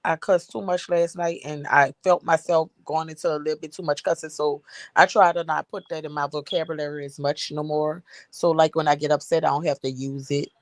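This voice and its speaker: A woman's voice: sits low, steady tone, brisk, no room sound. A woman in her forties, chatting casually on a live stream, rambling and repeating herself with frequent laughs. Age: 40s. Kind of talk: casual chat.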